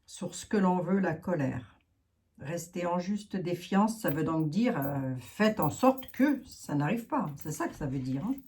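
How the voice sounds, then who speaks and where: A woman's voice: lowish voice, animated, measured pace, darkish tone. Chatty woman with a Lorraine accent. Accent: Lorraine French. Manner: chatty, frank, thinking aloud with many fillers. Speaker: card reader. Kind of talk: casual card reading monologue.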